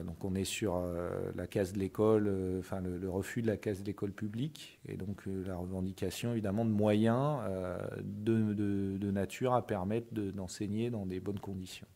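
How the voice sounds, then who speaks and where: Low-voiced male union representative. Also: dark tone. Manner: firm, militant. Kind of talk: interview statement.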